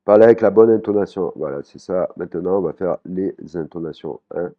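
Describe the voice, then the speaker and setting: A man teaching a language lesson in a relaxed way, with frequent fillers, restarts and repeated words. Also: sits low, a little fast, muffled recording. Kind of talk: casual spoken lesson.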